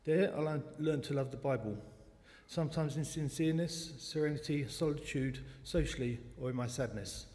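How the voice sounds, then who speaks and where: A man's voice: a little high, moderate pace, a little mellow. A man in his forties from South London, with a South London accent, giving a personal testimony talk at a church service in a chatty, self-deprecating way. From South London, England. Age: 40s. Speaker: lay speaker at a church service. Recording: long church hall reverb.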